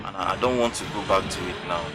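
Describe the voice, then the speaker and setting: A man playing a deep-voiced repentant Nigerian man. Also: lightly acted. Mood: remorseful. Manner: halting, earnest. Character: remorseful young man confessing to a priest. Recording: loud background music.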